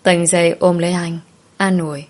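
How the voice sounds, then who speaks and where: A woman narrating a first-person audio story in a soft, sorrowful storytelling manner. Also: lowish voice, flat delivery, moderate pace.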